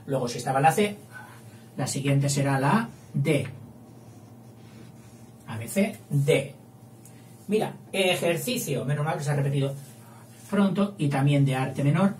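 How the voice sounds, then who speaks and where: Slow-talking male literature teacher, chatty, counting syllables aloud, heard from across an echoey room. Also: a little high, darkish tone. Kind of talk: explaining poetic meter at a whiteboard. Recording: roomy, distant mic, faint hum.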